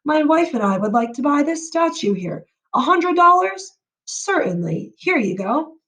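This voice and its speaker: A woman voicing a playful father who jokes with his children, read lively and theatrical. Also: a little slow, full character voice. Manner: lively, theatrical, raises pitch for the lines. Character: playful father, a grown man, joking with his kids.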